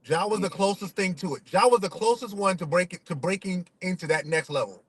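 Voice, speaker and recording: A man's voice: high-pitched, a little fast, slightly rough, dry recording. A man in a casual sports debate, emphatic and given to repeating his phrases. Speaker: sports talk show panelist.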